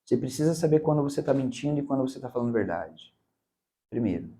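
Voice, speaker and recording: A man's voice: mid-range voice, animated, fast talker, mellow. A Brazilian man mentoring on public speaking, talking emphatically in a casual interview and often tagging his points with "cara" and "né". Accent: Brazilian Portuguese.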